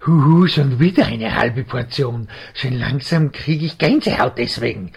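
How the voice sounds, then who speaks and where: The narrator voicing a gentle, naive young male owl with a lame wing, who hoots and speaks earnestly in a children's audio story. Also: medium pitch, animated, measured pace, gravelly, husky, muffled recording, full character voice. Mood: cheerful. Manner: hooting sounds, earnest and puzzled.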